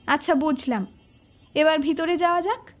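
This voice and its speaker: A woman plays a young woman shaken by a strange sighting, in a horror audio drama. She speaks in a high voice, uneasy and now and then irritated. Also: moderate pace, close to an everyday voice. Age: young adult.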